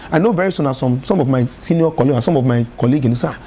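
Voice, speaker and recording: Racing through his lively stories, a Nigerian man with a medium-pitched voice and Nigerian English accent chats as a talk-show guest in a TV studio. The gospel artist laughs often and repeats words, and there's slight background noise.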